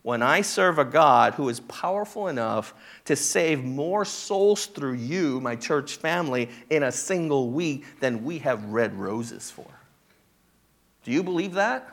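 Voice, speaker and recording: Slow-speaking male pastor preaching. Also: medium pitch, gravelly. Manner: conversational, checks in with "right?" and "okay?"; animated when acting out the disciples' reactions. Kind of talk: sermon.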